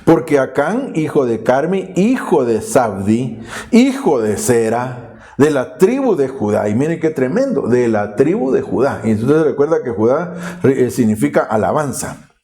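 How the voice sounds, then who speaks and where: A man's voice: mid-range voice, sing-song, measured pace, dark tone. A male pastor, preaching an earnest, explanatory sermon with frequent restarts.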